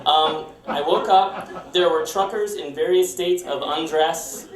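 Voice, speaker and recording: A man's voice: a little high, takes it slowly, crowd noise. A young man telling a wry, self-mocking story to a live audience on a storytelling stage. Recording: roomy live stage, heard from far off, audience laughter.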